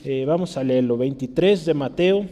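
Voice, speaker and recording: A man's voice: mid-range voice, moderate pace, warm tone. A man preaching a teaching sermon, often checking in with tag questions. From Mexico. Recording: long hall reverb.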